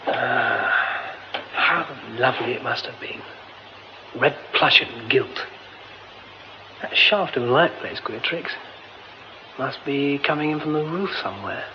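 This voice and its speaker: A man's voice: medium pitch, lightly acted. An actor playing a nervy young theatre man, muttering to himself and stammering when flustered, in a radio drama. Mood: musing. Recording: dull lo-fi radio recording with hiss.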